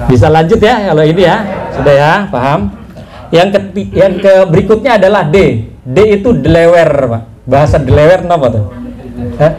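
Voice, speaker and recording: Man, high-pitched voice, patient instructor, step-by-step explanations, speaks to farmers directly. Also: lively intonation, normal speed, crowd noise. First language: not Javanese. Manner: patient, addresses listeners as "Pak", spells out points step by step. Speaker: livestock breeding instructor.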